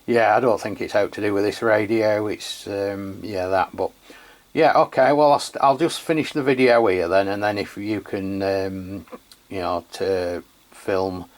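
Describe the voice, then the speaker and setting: A man from England, host of a radio review channel, chats casually in an English accent while testing products. His low-ish voice has fairly even intonation and a measured pace, and his manner is hesitant, rambling, and matey.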